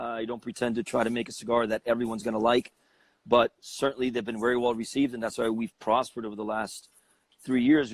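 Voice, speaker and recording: A man's voice: medium pitch, no room sound. A man from Cuba, a cigar company president, talking as an interview guest in a confident, persuasive way.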